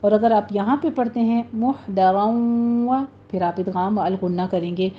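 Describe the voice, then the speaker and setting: A woman teaching a recitation lesson, patiently explaining rules step by step and slowly modelling the words. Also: mid-range voice. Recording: slightly muffled recording with faint noise.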